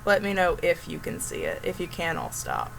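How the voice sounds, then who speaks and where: A young woman streaming while she chats with a friend, friendly and relaxed as she tells stories. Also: deep voice, moderate pace, vocal fry, slight background noise, poor audio. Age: young adult. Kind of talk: casual chat.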